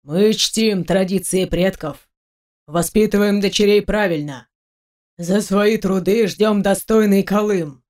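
A woman reading an audiobook, voicing a stern, blunt middle-aged father who speaks slowly and firmly. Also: medium pitch, a little mellow, lightly acted.

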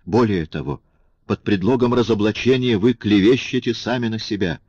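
A man's voice: fairly low pitch, normal speed, darkish tone, breathy edge, no room sound, voice pushed up. A man reading an audiobook, voicing a passionate, grateful young man in a raised, exclaiming voice. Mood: indignant. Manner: impassioned, exclaiming, pleading. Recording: dull lo-fi audiobook recording.

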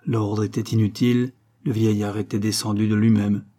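A man reading a story aloud as narrator, with measured, grave delivery. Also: lowish voice, flat delivery, mellow. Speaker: audiobook narrator.

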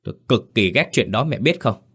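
A cold, scheming young man, voiced by a male storyteller. His deep voice turns curt and quick as bitterness spills out. It is a defiant villain in a spoken ghost story. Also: animated. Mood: resentful.

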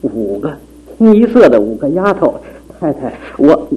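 A man's voice: a little high, big pitch swings, normal speed, muffled recording. An actor playing a bitter, stubborn husband and father who craves a son, in theatrical radio drama style with a stammering delivery. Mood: dismayed.

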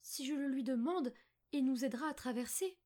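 A woman voicing a gentle, clever young girl who speaks in a high, earnest and pleading voice. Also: a little fast, natural voice.

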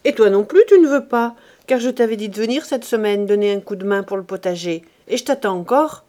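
A woman reading a quick-tempered young man in an audiobook, speaking loudly and sternly. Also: lowish voice, natural voice. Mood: scolding. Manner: loud and stern.

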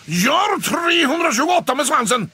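A man voicing a sly, spiteful male tomcat who taunts and jeers loudly in a children's story. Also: high-pitched, big pitch swings, slightly rough, pitched above the performer's own voice, full character voice. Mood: jeering. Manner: taunting, loud and jeering.

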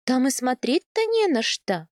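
A woman reading aloud, voicing a spirited young wife who pleads, coaxes and flares up in a raised, bright voice. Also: high-pitched, big pitch swings, measured pace, no room sound, studio quality. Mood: pleading. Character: spirited young wife, quick-tempered and coaxing.

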